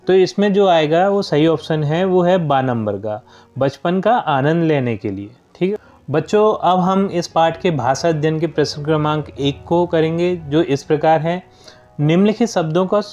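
A man's voice: fairly high pitch, expressive, measured pace, a little mellow, lo-fi sound, faint music behind. A young man teaching children, explaining a school worksheet step by step and repeatedly addressing his pupils. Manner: patient, keeps addressing children.

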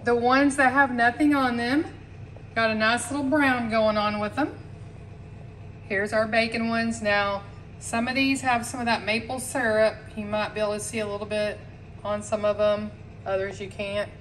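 Poor audio with a touch of hiss or hum captures a high-leaning female voice. She's the host of a home cooking channel, casually explaining each step of a dish to her viewers from her kitchen.

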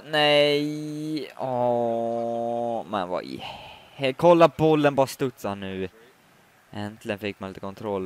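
A man giving live commentary on his own football video game match, muttering complaints and then shouting when a goal goes in. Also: on the low side, clear, resonant tone. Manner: swings from muttering to shouting at goals. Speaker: gaming commentator.

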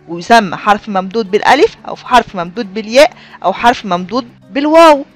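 A woman with an Egyptian Arabic accent teaching a children's reading lesson, repeating key points and slowly drawing out example words. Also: fairly high pitch. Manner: drawn-out sounding of example words; repeats and addresses learners as friends.

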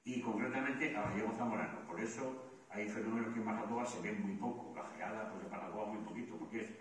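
A man's voice: lowish voice, steady tone, quick pace, distant mic, a little hiss or hum. A man from giving a lecture at a book presentation, explaining points and answering his own rhetorical questions. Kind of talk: lecture-style public talk. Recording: very echoey hall recorded from afar.

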